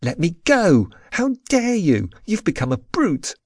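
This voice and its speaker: A man voicing a haughty, spoiled young princess in an audiobook, with shrill, indignant protests. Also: wildly swooping pitch, moderate pace, darkish tone, no room sound, clean studio sound. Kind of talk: audiobook character voice.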